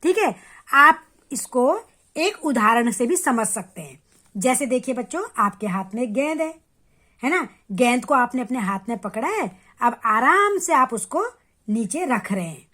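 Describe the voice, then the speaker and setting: A woman teaching a grammar lesson to children, patient and step by step, addressing them directly and sounding out letters slowly to show how they are said. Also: on the high side, very animated, pushed and bright. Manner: repeats sounds slowly and clearly to demonstrate.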